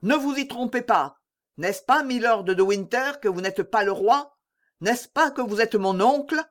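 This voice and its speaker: A man's voice: very high voice, normal speed, fairly bright tone, voice pushed up. A man voicing a vengeful young cavalier villain who taunts and mocks. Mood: taunting. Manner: taunting and mocking.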